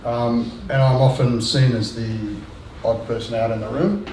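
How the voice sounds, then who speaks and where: A man's voice: mid-range voice, fairly even intonation, unhurried, darkish tone. An older man speaking earnestly on a discussion panel, hesitating with frequent ums and restarts. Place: lecture room. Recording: echoey room, distant mic, faint noise.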